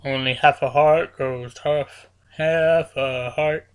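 Speaking slowly in a deep, clean voice with fairly even intonation, a woman hosts a gaming channel while sick with a cold that makes her voice crack. Her talk over the game is playful, meandering and full of fillers.

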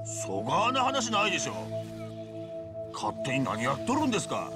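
A man playing a resentful yakuza underling in a video game, protesting in rough Hiroshima gangster speech. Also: a little high, huge pitch swings, normal speed, music in the background. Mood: indignant. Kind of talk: video game drama acting.

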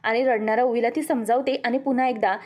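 A woman's voice: on the high side, steady tone, fast talker, a little mellow. A woman retelling a television serial episode as a vivid, emotive story, addressing listeners as friends. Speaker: narrator of serial episode recaps. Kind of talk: dramatic storytelling recap.

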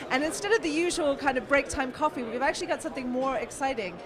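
A woman's voice: high-pitched, quick pace. A middle-aged woman interviewing a founder at a conference, friendly and conversational, on a handheld mic. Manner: friendly, conversational, hesitant fillers. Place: busy conference hall, indoors. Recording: crowd chatter behind.

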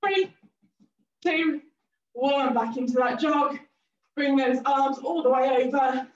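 With a high, steady and slightly mellow voice, a woman runs a cardio class at a measured pace, giving upbeat cues and countdowns despite being out of breath. The instructor sounds distant in a roomy, somewhat dull recording.

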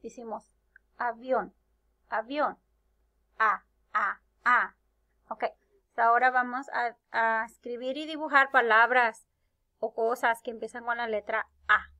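Slow, bright-voiced preschool teacher. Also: female voice, on the high side, steady tone, muffled recording. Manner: drawn-out words, syllables clapped and repeated; asks "ok?" after each step. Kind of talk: slow, patient lesson for young children.

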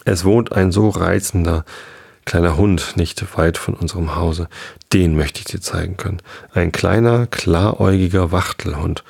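A man voicing a polite, eager young girl in a bedtime storybook reading, with a low, gravelly voice barely lifted. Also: normal speed, a little mellow, heavily acted. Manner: eager and apologetic. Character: polite chatty young girl lost in wonderland.

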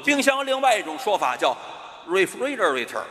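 A man plays a bossy know-it-all teacher in a crosstalk routine. His voice sits high, bright and animated, with a long hall reverb behind it. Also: a little fast. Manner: bossy mock teacher, drilling his partner in English words. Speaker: crosstalk lead performer. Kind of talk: stage crosstalk comedy. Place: theater stage with a live audience. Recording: reverberant hall, faint noise.

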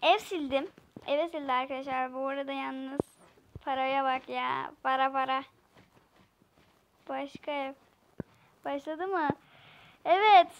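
Slow-talking high-voiced young woman gamer. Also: steady tone, fairly bright tone, muffled recording, slight background noise. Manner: playful, giggly, chatty with viewers. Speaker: gaming channel host. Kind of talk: casual gameplay commentary.

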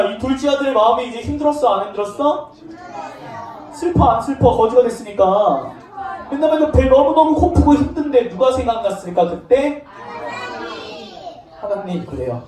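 A woman giving a children's sermon in church, asking the children questions and acting out the story playfully. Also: fairly high pitch. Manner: animated, asks children questions, acts out lines playfully. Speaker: children's Sunday school teacher. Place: church classroom. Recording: distant mic in an echoey room.

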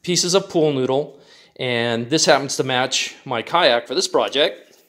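A man hosting a DIY channel, calmly walking through a step-by-step build tutorial with measurements, in a plain, methodical way. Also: medium pitch, unhurried.

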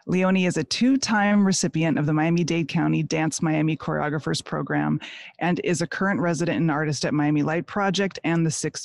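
A woman's voice: deep voice, creaky, no echo. A woman hosting a museum artist talk outdoors, reading a formal guest introduction from notes. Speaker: museum host, moderator. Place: outdoor courtyard.

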